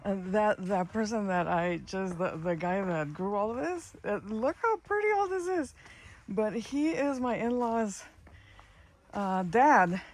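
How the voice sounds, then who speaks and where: A woman's voice: medium pitch, expressive, measured pace. A woman, chatting and rambling as she vlogs outdoors in strawberry fields on a handheld phone. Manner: chatty, rambling, switches into Spanish. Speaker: vlogger. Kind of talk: casual vlog narration.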